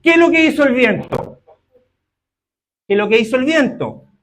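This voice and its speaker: A man preaching a sermon. His voice sits high, and he keeps pausing to ask his listeners whether they agree before he presses on. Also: expressive, a bit bright. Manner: keeps asking the congregation for agreement.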